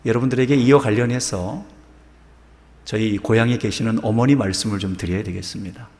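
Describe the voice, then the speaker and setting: A male pastor preaching a sermon and telling a story slowly and deliberately. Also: fairly low pitch, fairly even intonation, a little mellow. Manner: slow, measured storytelling. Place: church sanctuary. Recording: long church reverb.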